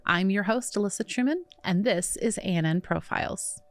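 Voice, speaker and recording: A middle-aged woman from New York hosting a conversational podcast interview, chatty and quick to laugh. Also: mid-range voice, faint music behind. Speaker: podcast host.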